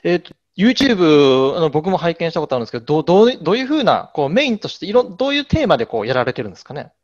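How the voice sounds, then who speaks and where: A man's voice: fairly high pitch, big pitch swings, very fast. A man hosting an interview, asking polite questions and nodding along with frequent agreeing words. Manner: polite, lots of agreeing backchannels. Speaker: host, interviewer. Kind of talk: casual interview. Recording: dull lo-fi audio.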